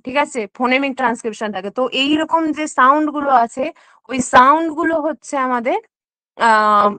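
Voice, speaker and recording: A woman's voice: high voice, bright, forceful tone, no room sound, rough recording. A woman teacher giving an online exam-prep lesson, explaining step by step, mixing in English terms and checking in often. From West Bengal.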